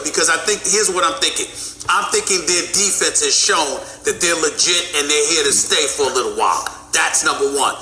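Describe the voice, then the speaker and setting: A man's voice: on the high side, bright, forceful tone, roomy sound. A man arguing as a sports commentator, emphatic and repeating himself to press his point. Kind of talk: heated sports debate.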